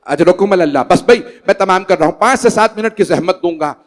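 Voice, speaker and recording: In a large hall, a Shia cleric with a Pakistani Urdu accent recites a Muharram majlis, a mourning sermon, to a gathered congregation. His voice is high for a man, and he draws his words out into a slow lament that rises into pleading cries.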